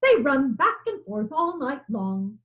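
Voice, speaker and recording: A woman voicing a clever male hornbill bird in a storybook reading, explaining things in a calm, innocent way. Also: sits high, slow pace, heavily acted. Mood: sly. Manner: matter-of-fact, innocently explaining.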